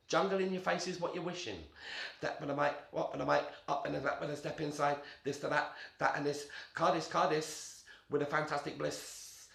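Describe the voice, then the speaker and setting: A man chanting playful, repetitive freestyle rhymes as an MC. His voice has a gravelly edge and sits a little high for a man. The vocal is drenched in echoey reverb. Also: fairly bright tone.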